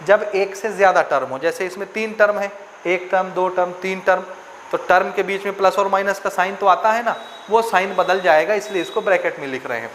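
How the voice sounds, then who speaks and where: A man's voice: high voice, fairly bright tone, a little hiss or hum. A male maths teacher from India giving a classroom lesson, explaining step by step and often asking whether students have understood. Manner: repetitive, questioning, checks understanding often.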